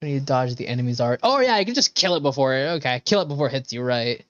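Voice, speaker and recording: A streamer rattles off casual live game commentary at a very fast clip, rambling and swearing with enthusiastic asides. His mid-range voice is expressive and fairly bright. The dry recording sounds slightly dull.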